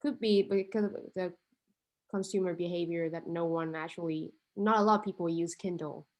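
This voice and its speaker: A Vietnamese international student, whose first language is Vietnamese, talks casually about her startup idea. She sounds hesitant, thinking aloud with lots of "um" and "like." Her voice is fairly low and darkish, with fairly even intonation and normal speed.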